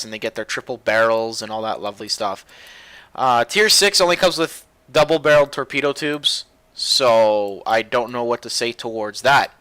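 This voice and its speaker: A young man giving casual, rambling gameplay commentary as a video host, getting loud and excited at times. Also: mid-range voice, clear, resonant tone, dry recording. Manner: excitable, rambling, gets loud when animated.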